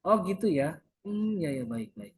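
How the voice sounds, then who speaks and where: A man acting out a calm family counselor who gently sums up what a client has said. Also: sits high, husky, full character voice, low-quality recording. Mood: gentle reassuring. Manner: gentle, reassuring, slow summarizing.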